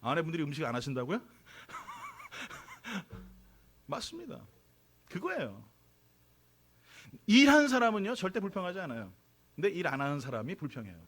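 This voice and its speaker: A man's voice: sits high, huge pitch swings, moderate pace, long pauses, fairly bright tone, slightly rough. A man from Korea preaching a sermon as pastor of his church, chatty and joking, asking the congregation questions. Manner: conversational, jokey, draws responses from congregation. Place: church sanctuary.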